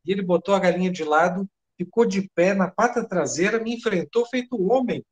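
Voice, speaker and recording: A man's voice: sits high, brisk, darkish tone, voice pushed up, lightly acted. A man with a Brazilian Portuguese accent reading the part of a frightened head cook who babbles breathlessly and swears by his mother. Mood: rattled. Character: panicked middle-aged male head cook.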